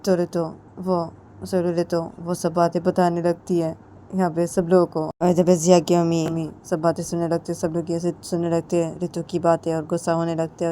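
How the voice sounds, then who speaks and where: Low, mellow woman storyteller. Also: slight background noise. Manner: repetitive, plain narration. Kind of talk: storytelling narration.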